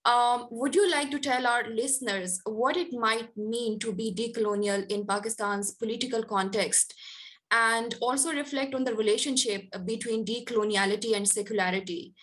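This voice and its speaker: A woman interviewing as a podcast co-host, putting academic questions conversationally in halting, pieced-together phrases. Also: fairly high pitch, steady tone, fairly bright tone.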